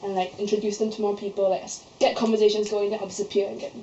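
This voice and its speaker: This young Malaysian student, a candidate for society office, races through her nomination speech and chatty, filler-laden answers. Her voice is mid-range, level and dark-toned. In the echoey student society meeting room, the lo-fi recording sounds dull, with slight background noise.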